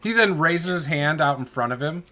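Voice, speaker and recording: A man improvising narration as the game master of a tabletop game, halting and informal as he searches for words. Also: fairly high pitch, lively intonation, pushed and bright.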